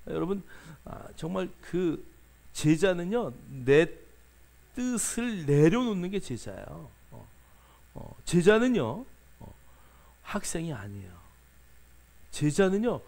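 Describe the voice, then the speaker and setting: A man's voice: high voice, very animated, slow, vocal fry, pauses often, a little mellow. A male pastor preaching a sermon, questioning the congregation and coaxing answers, with frequent filler sounds.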